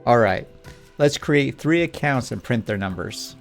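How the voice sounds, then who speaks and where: Gravelly-voiced male coding instructor. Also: medium pitch, animated, a little slow, soft background music. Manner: patient, Socratic questioning. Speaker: programming instructor. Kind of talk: scripted coding lesson dialogue.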